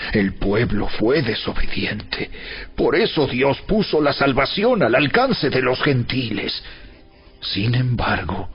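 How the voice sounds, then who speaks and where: A man's voice: mid-range voice, husky. A man giving solemn, emphatic, rhetorical narration in a dramatized reading of scripture. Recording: dull sound with background music. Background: music.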